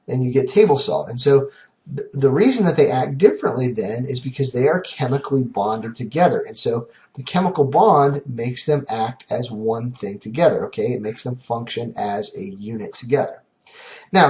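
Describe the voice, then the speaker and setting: Easygoing guy teaching a chem lesson, mid pitch, lots of okays. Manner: relaxed, keeps checking in with "okay?"; counts aloud slowly while drawing. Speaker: chemistry teacher. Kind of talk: recorded classroom lesson.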